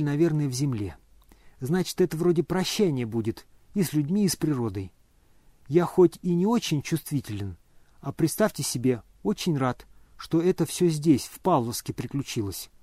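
A man voicing a calm, weary dying young man who speaks hoarsely and quietly, almost in a whisper. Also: fairly high pitch, no room sound, clean studio sound. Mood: gentle. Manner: calm, polite, measured.

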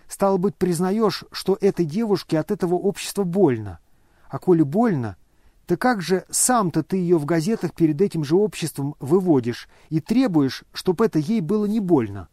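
A man's voice: a little high, darkish tone, no echo, studio quality. A man voicing an indignant older noblewoman who scolds and exclaims.

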